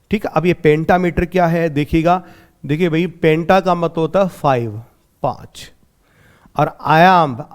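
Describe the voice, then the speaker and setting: High-voiced Indian male teacher. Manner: asks questions and answers them himself; repeats key points slowly in simple words. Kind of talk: exam-prep literature lecture.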